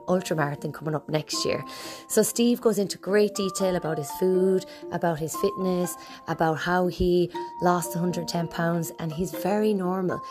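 An Irish-accented woman hosting a podcast in a chatty, informal, encouraging way. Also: fairly low pitch. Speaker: podcast host. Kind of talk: podcast introduction and casual interview.

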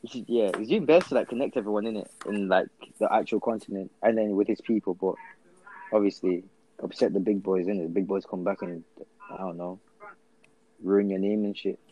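A man's voice: on the low side, fairly even intonation, fairly quick, dark tone, rough recording. A young man with a London roadman accent chatting casually in slang, often repeating his phrases. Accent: London, urban roadman slang. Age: young adult. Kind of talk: casual group chat.

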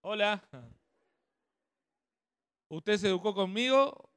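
High-voiced man teaching a workshop. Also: slow pace, a bit bright, clean tone, no echo, studio quality. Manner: conversational, checks with the audience often. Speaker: speaker at a family workshop.

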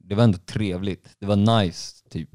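A man's voice: low voice, steady tone, darkish tone, dry recording, studio quality. A young man chatting casually in a laid-back, slangy way. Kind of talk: casual chat.

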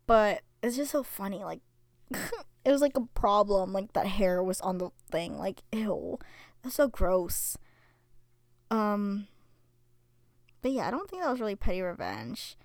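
A woman's voice: mid-range voice, animated, measured pace, pauses often, dry recording. A young woman hosting a casual solo podcast, chatty with lots of fillers, reading stories aloud. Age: young adult. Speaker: podcast host.

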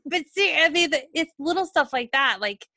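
A chatty woman co-hosting a casual talk show, laughing often as she tells animated workplace stories. Her voice is bright and a little high, recorded close and dry with no room sound. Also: moderate pace, no echo. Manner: giggly, animated storyteller. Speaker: dental assistant, podcast co-host. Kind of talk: casual chat.

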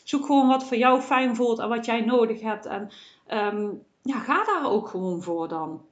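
A fairly high-voiced woman talks alone on her podcast as a coach, earnest and encouraging, often tagging her sentences with a questioning "hè". The recording is roomy and a little dull. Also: animated, moderate pace. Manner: earnest, encouraging, many "hè" tags. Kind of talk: solo podcast monologue.

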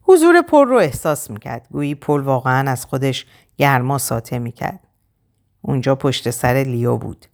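A woman narrating an audiobook in an expressive, measured reading. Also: extremely low pitch.

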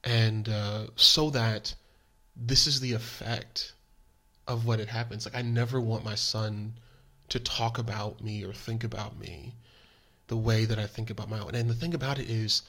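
Man, podcast co-host, earnest, animated, casual chat. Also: on the low side, normal speed. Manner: earnest, animated, repeats himself.

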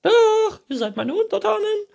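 A man voicing a bossy, demanding young princess in a children's story, shrill and insistent. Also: big pitch swings, normal speed, vocal fry, a little mellow, full character voice. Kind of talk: children's book reading.

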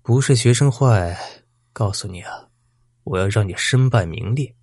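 A man with a husky voice voicing a vicious, vengeful male bandit who taunts his old teacher with menace. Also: on the low side, measured pace, a little mellow, no room sound, clean studio sound. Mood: menacing.

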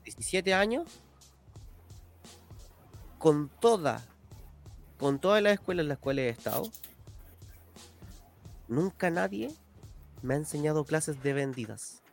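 Man, podcast co-host, emphatic and indignant, pitched a bit high, soft music underneath. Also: lively intonation, measured pace, gravelly, long pauses. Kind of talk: casual podcast chat.

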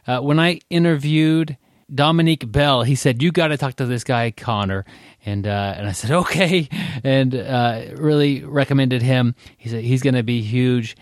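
A man's voice: mid-range voice, moderate pace, no room sound, studio quality. A man hosting a casual podcast, talking in a rambling way with many fillers and restarts. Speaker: podcast host.

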